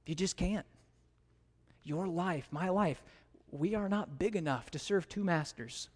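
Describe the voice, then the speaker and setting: Animated American pastor in a reverberant hall. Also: male voice, a little slow. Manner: animated storytelling, pitch leaping high in anecdotes. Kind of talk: sermon. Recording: long reverb of a large hall.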